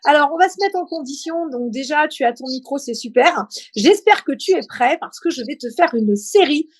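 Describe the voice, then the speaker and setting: High-pitched woman hosting an informal interview. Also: expressive, moderate pace. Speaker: interview host. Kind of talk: live online interview, quiz-style questions then conversation.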